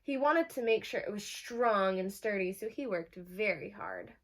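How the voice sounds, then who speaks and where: A woman teacher reading a storybook aloud to young children, pausing to explain simply and ask them questions. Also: medium pitch, animated. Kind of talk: children's storybook read-aloud with asides to listeners.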